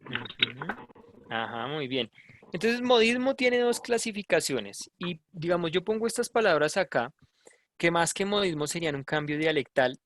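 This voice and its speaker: A man's voice: on the high side, no echo. A Colombian man teaching a language class, talking in a conversational way and often checking in with tag questions. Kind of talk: online class lecture.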